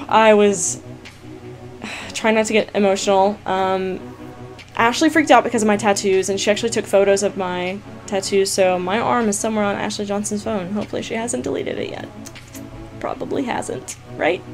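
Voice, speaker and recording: Chatty excitable young woman vlogger. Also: medium pitch. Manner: chatty and excitable, heavy use of "like" and "you guys". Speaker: gaming YouTuber answering viewer questions. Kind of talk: casual storytelling to camera.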